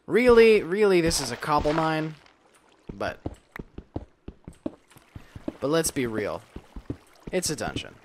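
A let's play host gives casual, playful commentary while gaming, chatting to themself with silly asides. The medium-pitched voice is expressive but slow, with long pauses and slight background noise.

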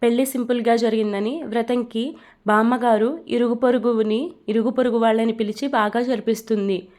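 Woman storyteller, higher voice, scripted narration that speaks straight to the listener. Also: fairly even intonation, normal speed, a little mellow. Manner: addresses listeners directly.

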